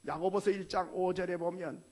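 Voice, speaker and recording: A man's voice: sits high, steady tone, normal speed, a little mellow. A man preaching a sermon as a pastor, in a conversational way full of rhetorical questions.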